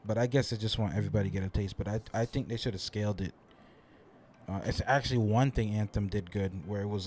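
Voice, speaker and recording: A man's voice: on the low side, darkish tone, a little hiss or hum. A man co-hosting a casual gaming podcast, talking in an enthusiastic, rambling way. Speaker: podcast co-host.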